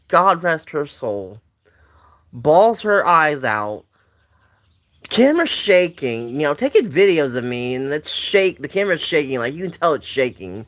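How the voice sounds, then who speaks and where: A man's voice: on the high side, fairly bright tone. A young man casually telling a family story on a livestream, rambling and repeating himself while chatting to viewers. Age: young adult.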